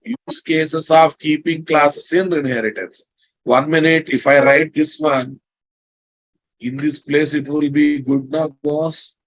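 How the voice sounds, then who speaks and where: A man's voice: on the high side, fairly even intonation, slow pace, rough recording. A man with an Indian accent lecturing online as a programming instructor, bluntly teasing, repeating his phrases and checking understanding with questions.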